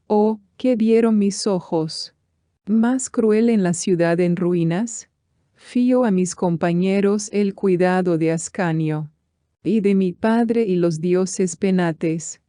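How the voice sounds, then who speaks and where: Woman reading old epic poem real slow, soft mellow voice, dry close sound. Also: medium pitch, no room sound. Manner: slow, measured recitation. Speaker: reader. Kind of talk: audiobook reading of epic poetry.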